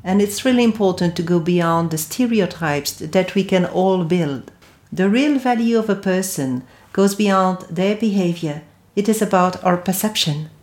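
A woman hosting a podcast who reads a formal introduction and asks interview questions at a measured pace. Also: lowish voice, a little mellow, reverberant. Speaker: podcast host.

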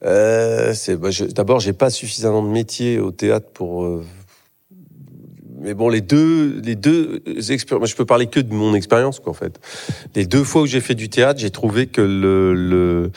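A man's voice: fairly low pitch, moderate pace, vocal fry, a little mellow. A middle-aged man, an actor, talking in a live interview on a theatre stage, hesitant, with many fillers and restarts. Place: theatre stage before an audience.

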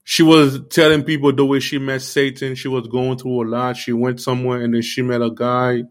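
A man giving an earnest, informal sermon, repeating himself often and filling pauses with "you know". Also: medium pitch, flat delivery. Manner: earnest, repetitive, many fillers like "you know". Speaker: preacher.

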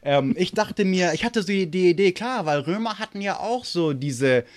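A man's voice: sits high, animated, normal speed. A man with an American accent in German, a native English speaker, chats casually about history, searching for words and slipping in English ones. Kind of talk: casual podcast discussion of history.

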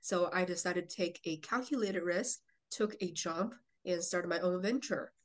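A woman's voice: on the low side, normal speed. A young woman from China, a real estate investor, answering interview questions in a fluent, businesslike way.

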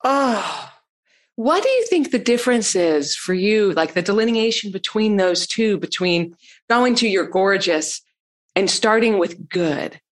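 A woman's voice: mid-range voice, expressive, a little slow. A woman hosting a podcast, reading a scripted intro and asking encouraging interview questions. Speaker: podcast host.

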